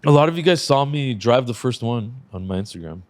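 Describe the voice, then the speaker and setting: A man hosting a car podcast in casual chat, relaxed and swearing freely, laughing often. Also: medium pitch, a little fast, dry recording. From Lebanese Armenian family. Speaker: podcast host.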